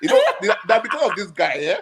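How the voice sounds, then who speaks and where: A man's voice: high voice, sing-song, fast talker, over a noisy crowd. A man with a Nigerian accent calling a football show, telling jokey stories in an exuberant, teasing way. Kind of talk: casual jokey storytelling. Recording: clearly noisy line.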